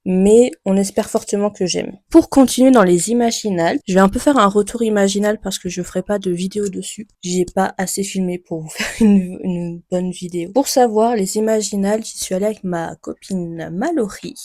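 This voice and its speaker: A woman's voice: mid-range voice, warm tone, no room sound, clean studio sound. A young woman chatting casually about her new books, self-deprecating and full of restarts. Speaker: book vlogger. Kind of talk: casual book haul chat.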